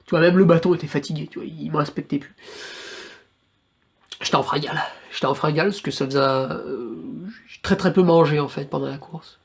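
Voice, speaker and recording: Husky-voiced man, crude race storyteller. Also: a little high, a little fast. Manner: crude, slangy, lively storytelling. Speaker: trail runner recounting his race. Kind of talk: casual race recap.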